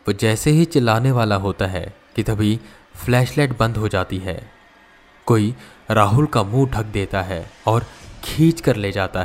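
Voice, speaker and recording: A man narrating a scripted horror story in a slow, measured storytelling manner. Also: on the low side.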